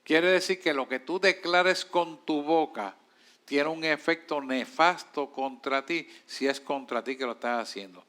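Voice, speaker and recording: Man, Puerto Rican accent, pastor teaching a Bible class, bright tone, slightly high voice, emphatic preaching manner. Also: measured pace. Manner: emphatic, preacherly, answers questions directly.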